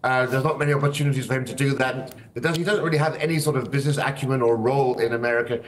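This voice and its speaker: A man offers royal commentary over a remote link, his voice sitting back from the microphone. He talks in a measured, opinionated way with plenty of hedging fillers. A faint room ambience hangs behind him. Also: medium pitch, steady tone, distant mic, a little hiss or hum. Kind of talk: news commentary.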